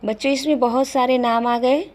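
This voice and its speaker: A woman schoolteacher giving a recorded Hindi grammar lesson to young children, speaking slowly and patiently and asking them simple questions. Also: sits high, steady tone, a little mellow. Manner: slow, patient, addressing children directly with questions. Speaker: primary school teacher.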